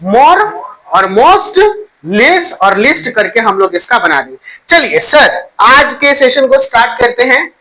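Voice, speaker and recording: A man's voice: extremely high pitch, lively intonation, measured pace, few pauses, sharp tone, rough recording. A male teacher giving a classroom grammar lesson, quizzing students, repeating their answers and spelling words letter by letter.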